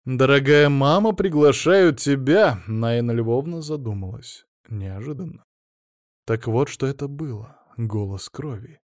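A man reading a novel aloud as an audiobook narrator, measured and expressive. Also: mid-range voice, no room sound, clean studio sound. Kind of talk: scripted narration.

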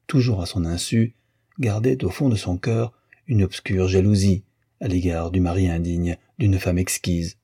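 A man reading a classic novel aloud as an audiobook, in a measured, even storytelling manner. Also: lowish voice, husky, dry recording, clean studio sound. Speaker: audiobook reader. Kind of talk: literary audiobook narration.

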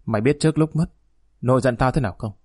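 A man's voice: mid-range voice, quick pace, slightly rough, no room sound, clean studio sound, natural voice. A man reading as an angry aging father. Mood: scolding. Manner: harsh, scolding, loud. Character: stern aging father scolding his grown son. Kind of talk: audiobook narration.

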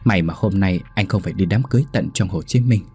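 A man's voice: low-pitched, fast talker, warm tone, husky. A man voicing a frightened middle-aged wife who talks anxiously and stammers.

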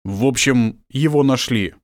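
Man doing a calm tired prince, measured, low-key, dry close sound. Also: dry recording, close to an everyday voice. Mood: grave. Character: middle-aged man, calm weary prince. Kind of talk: audiobook character voice.

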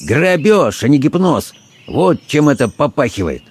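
A man's voice: mid-range voice, sing-song, a little slow, slightly rough, pitched above the performer's own voice. A man voicing an irritable, scornful middle-aged doctor in an audiobook, exclaiming indignantly.

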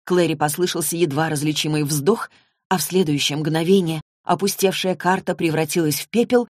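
A woman narrating a novel in an even, measured reading. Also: sits low, no echo, studio quality. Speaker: audiobook narrator. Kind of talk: scripted narration.

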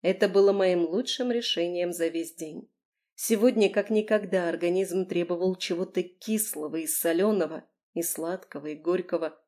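A woman narrating a first-person novel in an expressive, lively way. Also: fairly low pitch, normal speed. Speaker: audiobook narrator.

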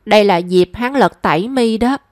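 A woman's voice: medium pitch, normal speed, a little mellow, dry recording, clean studio sound, natural voice. Woman reading as a brash teasing girlfriend. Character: cheeky, loud young woman friend.

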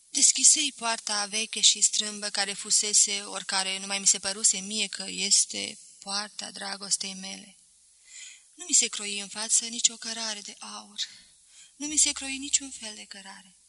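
Woman reading with a very bright voice. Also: medium pitch, no room sound, low-quality recording. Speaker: audiobook reader. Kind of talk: scripted narration.

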